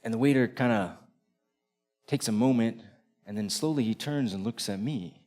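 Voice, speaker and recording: A man's voice: mid-range voice, normal speed, darkish tone, faint music behind. A man performing a live stage story in vivid present tense, building to comic punchlines before an audience.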